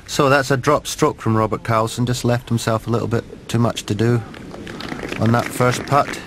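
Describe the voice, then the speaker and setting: A middle-aged man commentates on golf shot by shot. He speaks in short, measured phrases at a medium pitch. There is clear outdoor ambient noise behind his voice. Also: fairly even intonation, a bit bright. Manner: terse, measured, clipped phrases. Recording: noisy outdoor broadcast ambience.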